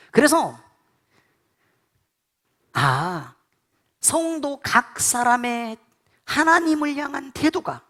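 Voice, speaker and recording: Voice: medium pitch, fairly bright tone. A pastor preaching a sermon in blunt, colloquial speech, repeatedly quizzing the congregation with call-and-response questions.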